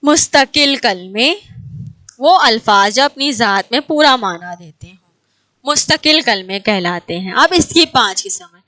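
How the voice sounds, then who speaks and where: Woman teacher, bright and fairly high voice, online class. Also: animated, unhurried. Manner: asks the class questions and answers them herself. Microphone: online class audio.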